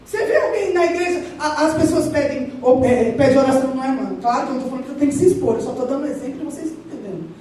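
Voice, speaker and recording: A middle-aged woman pastor preaching a lively, joking sermon in a large church. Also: high voice, rapid-fire, few pauses. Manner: lively, joking, acts out little voices. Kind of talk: conversational sermon. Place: large church hall at the altar. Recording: very echoey church from far off.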